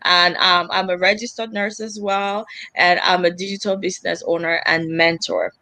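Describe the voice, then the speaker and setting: A young woman from Cameroon, a guest on a live online interview, friendly and quick to laugh, repeating words as she goes. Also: lowish voice, fairly even intonation, bright, forceful tone, no echo.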